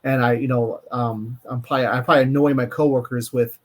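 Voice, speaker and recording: A man's voice: medium pitch, steady tone, fast talker. A man co-hosting a live-streamed data podcast, tired and yawning, talking in a rambling way with many fillers and restarts. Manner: rambling, self-correcting, lots of fillers. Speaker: podcast co-host, data engineer. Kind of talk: casual live-stream chat.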